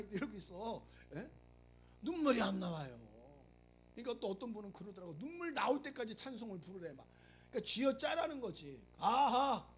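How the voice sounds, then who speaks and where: A middle-aged male pastor giving a lively sermon, acting out prayers and joking with the congregation. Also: very high voice, a little hiss or hum. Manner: animated, acts out prayers and quotes, jokes with the congregation. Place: church sanctuary.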